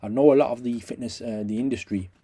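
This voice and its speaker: A man delivers a scathing critique in a casual, rambling video review. His voice is mid-pitched and on the mellow, dark side. He is blunt and slangy, circling back to repeat his grievances. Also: fast talker, breathy edge. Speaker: vlogger giving a review.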